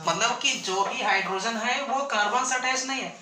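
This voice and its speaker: A man's voice: very high voice, normal speed. A male chemistry teacher lecturing a class, asking questions and answering them himself and repeating each point. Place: classroom with students. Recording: echoey classroom with student chatter.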